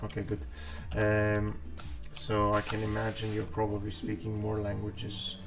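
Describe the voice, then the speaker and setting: A Greek man with a fairly low voice chats casually on a live stream while drawing pixel art, his delivery completely flat and unhurried. He thinks aloud as he works and talks with viewers. The distant mic picks up background music and keyboard typing.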